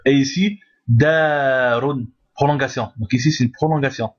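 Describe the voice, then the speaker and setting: On a muffled recording, a man who teaches Arabic gives a step-by-step language lesson at normal speed in a mid-range voice. He repeats each word patiently and checks that the listener understands.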